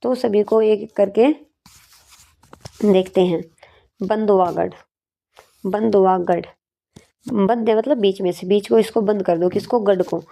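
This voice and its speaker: A woman's voice: medium pitch, fairly even intonation, measured pace, vocal fry, long pauses, dark tone. A woman teacher giving an exam-prep lesson with memory tricks, asking questions and answering them herself.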